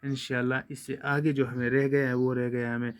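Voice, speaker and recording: A man teaching young pupils, explaining points slowly and repeating them patiently. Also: medium pitch, little pitch movement, clean tone. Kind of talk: classroom lesson for children.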